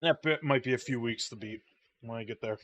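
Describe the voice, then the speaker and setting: A man's voice: medium pitch, fairly quick, a bit bright, no room sound. A man chatting casually while streaming a game, sleepy and rambling, humming idly while he waits. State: sleepy, yawning. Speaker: gaming streamer.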